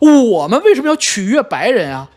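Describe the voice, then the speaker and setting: A man's voice: extremely high pitch, big pitch swings, brisk, darkish tone, pitched above the performer's own voice. A man voicing a smug, defiant young male nationalist netizen, mocking him with indignant rhetorical questions.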